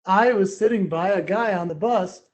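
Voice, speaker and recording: A man giving a playful, energetic motivational keynote full of personal stories. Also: sits high, moderate pace. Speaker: keynote speaker.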